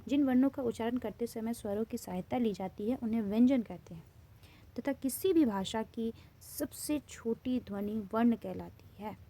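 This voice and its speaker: Woman, Indian accent, teacher, slightly high, asks and answers her own questions. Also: normal speed, mellow. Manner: asks a question then answers it herself, repeats key terms. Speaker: Hindi grammar teacher. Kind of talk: classroom lesson, asking and answering quiz questions.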